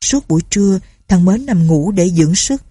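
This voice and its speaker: Low, mellow woman narrating. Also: animated, moderate pace, breathy edge, no echo. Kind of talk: storybook narration.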